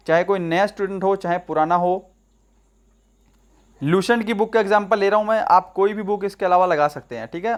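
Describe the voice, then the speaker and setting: High-voiced man coaching exam students. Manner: direct, coaxing, addresses viewers as brother; checks in often with rhetorical questions. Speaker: exam prep teacher. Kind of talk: whiteboard study-strategy lesson.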